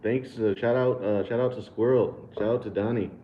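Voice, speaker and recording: An American livestream host with a mid-range, fairly even voice reads super chats aloud at a moderate pace, laid-back and laughing often while tripping over repeated words and fillers. The audio is lo-fi and echoey, with a little hiss or hum.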